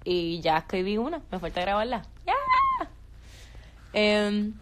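A woman's voice: mid-range voice, unhurried, slight background noise. A young woman, chatting on a phone live stream, reading viewer questions aloud and answering casually. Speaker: social media creator.

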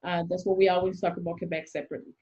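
In a warm, lowish voice with little pitch movement, a young adult woman rattles along rapid-fire. She is an immigration consultant interviewed over a video call from a small room, explaining the rules step by step with worked examples, captured by a webcam in dull lo-fi audio.

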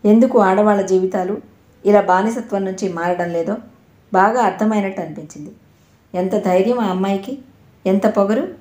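A woman narrating a novel in a steady, expressive reading style, in an echoey room. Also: mid-range voice, normal speed. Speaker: audiobook narrator.

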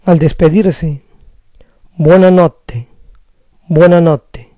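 A man teaching phrases in a slow vocabulary drill, saying each phrase twice. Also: fairly high pitch, fairly even intonation, warm tone, dry recording, clean studio sound. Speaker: language teacher.

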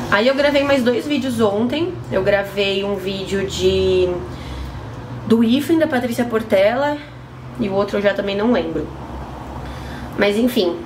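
A young woman with a Brazilian Portuguese accent, chatting to camera as a book vlogger while she trims plants on an apartment balcony. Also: medium pitch. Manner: chatty, trimming pepper plants while talking. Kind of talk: casual chat to camera. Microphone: camera at close range. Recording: roomy echo, faint background noise.

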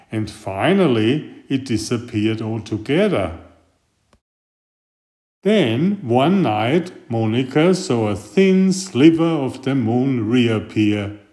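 A man with a mid-range voice reads a children's picture book aloud, taking a deliberate and expressive storytelling approach. He is both a storybook reader and an author.

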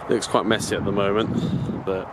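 This man's voice is on the low side and his speed normal as he casually narrates a walk around his allotment. An allotment vlogger, he rambles, chats and self-corrects, filming outdoors from his own view on a handheld camera that catches steady background noise.

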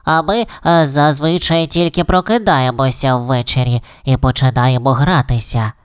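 A woman voicing a friendly, gentle young girl bat in a children's audio storybook, soft and slow with wonder. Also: extremely low pitch, clean tone, no echo, studio quality. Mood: curious.

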